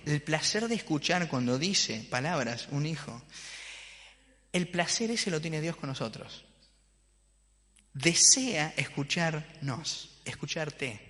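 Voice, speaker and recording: A man's voice: fairly high pitch, slow pace. A man with a Rioplatense accent preaching a sermon as pastor, asking the congregation questions and joking with them. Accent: Rioplatense Spanish. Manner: lively preacher, rhetorical questions to the congregation, playful humor. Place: church hall. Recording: church hall with long reverb.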